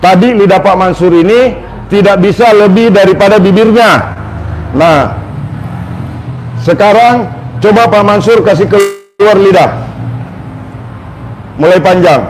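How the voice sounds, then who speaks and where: A man working as a massage therapist, calmly instructing and demonstrating on a patient step by step. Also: high-pitched, a little slow, pauses often, noisy background. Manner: coaching and instructing step by step, calls out words to repeat.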